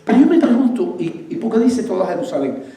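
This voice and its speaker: A man preaching a sermon as pastor, asking his congregation questions and answering them himself, with lively bursts and laughs. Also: sits high, fast, roomy sound.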